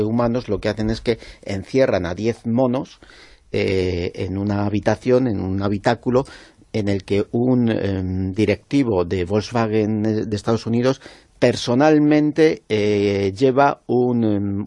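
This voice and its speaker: A man from explaining a news story on a radio show, measured and somewhat hesitant. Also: on the low side, dark tone, dry recording, studio quality. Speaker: radio contributor.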